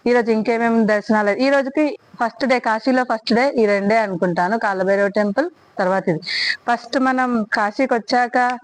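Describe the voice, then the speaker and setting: A woman's voice: a little high, moderate pace, low-quality recording. A woman, talking in a fervent, rambling way in a casual devotional travel vlog recorded outdoors at a temple at night. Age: 30s. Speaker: travel vlogger.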